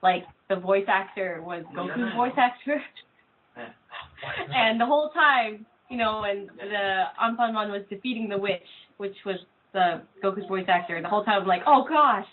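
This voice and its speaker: A woman's voice: mid-range voice, normal speed. Woman chatting over a tinny line. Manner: chatty, with fillers and laughs between phrases. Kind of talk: casual chat about anime dubs. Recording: tinny phone-like line with faint hiss.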